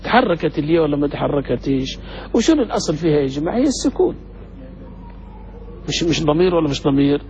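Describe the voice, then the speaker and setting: A man's voice: a little high, darkish tone. A male sheikh teaching grammar, firing questions at his class. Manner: quizzes students with rapid questions. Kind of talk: classroom lesson with questions to students. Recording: dull lo-fi recording in a reverberant hall with faint noise.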